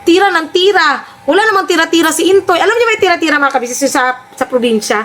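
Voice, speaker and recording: A woman's voice: very high-pitched, lively intonation, fast talker, fairly bright tone, a little hiss or hum. A woman giving mocking, sarcastic reaction commentary on clips, often teasing and laughing.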